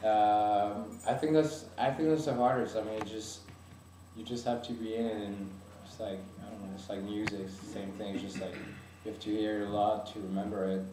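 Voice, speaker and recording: Recorded at a distance in an echoey room with a noisy background, a young man from France answers interview questions in English, his second language after French. He speaks a little fast in a fairly low, steady voice, but hesitantly, full of fillers and restarts.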